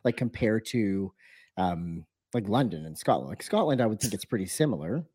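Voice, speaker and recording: A man's voice: fairly low pitch, expressive, moderate pace, mellow, husky. A man hosting a podcast interview, chatting in a friendly, casual way, laughing often and saying "like" a lot. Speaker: podcast host.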